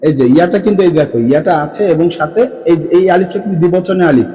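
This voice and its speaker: A male teacher with a Bangladeshi Bengali accent walks students through a grammar lesson. His voice sits somewhat high, and he keeps checking in with rising questions. The sound carries a long reverb, as if recorded in a hall. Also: warm tone. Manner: counts through items slowly, repeating forms. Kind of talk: classroom lesson explaining grammar.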